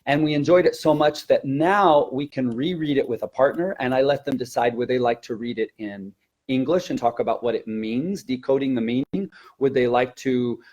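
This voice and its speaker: In this teaching webinar, a man who trains language teachers speaks conversationally at a normal speed. His voice is medium-pitched and a little mellow, and he stresses key words by repeating them while explaining methods as a practicing teacher would.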